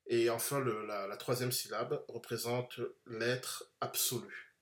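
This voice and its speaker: A man giving an unscripted Bible lesson, explaining slowly and carefully with frequent hesitations. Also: mid-range voice, fairly even intonation. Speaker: Bible teacher. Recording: echoey room.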